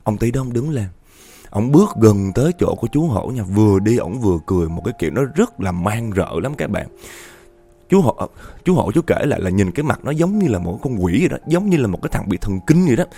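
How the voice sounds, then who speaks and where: A man's voice: lowish voice, big pitch swings, fast, mellow, breathy edge. A man telling a horror story dramatically, addressing his listeners directly.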